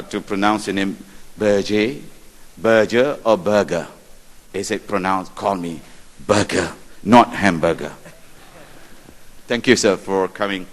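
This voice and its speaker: A man moderating a formal conference session, introducing speakers in a measured way with light asides. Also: fairly low pitch, a bit bright. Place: large conference hall. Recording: reverberant hall.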